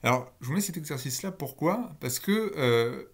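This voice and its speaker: A man's voice: on the high side, animated, normal speed, husky. A man teaching a recorded linguistics lecture, blunt and emphatic, with casual asides and key words drawn out for stress.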